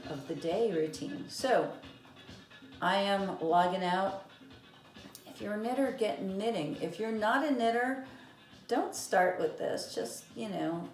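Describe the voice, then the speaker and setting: Slow, rambling woman vlogger. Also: on the low side. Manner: chatty, rambling, many fillers. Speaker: knitting vlogger. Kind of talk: casual chat. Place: room with vinyl playing. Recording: echoey room, music behind. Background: eighties vinyl record playing.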